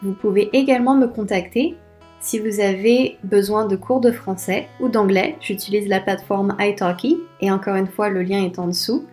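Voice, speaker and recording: A woman's voice: mid-range voice, steady tone, normal speed. A woman reading a podcast's closing announcement in an upbeat, inviting manner. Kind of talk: scripted outro announcement. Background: soft guitar music.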